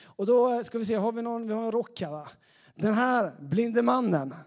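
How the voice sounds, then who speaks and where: A man, a youth pastor, giving a lively, casual sermon to a young congregation, chatty and peppered with fillers. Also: very high-pitched.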